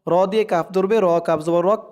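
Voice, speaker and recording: High, smooth-voiced man teaching Quran recitation. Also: fairly even intonation, darkish tone. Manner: slow, drawn-out chanting of verses between quick explanations; repeats syllables for learners to follow. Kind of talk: tajweed lesson, spelling out and reciting.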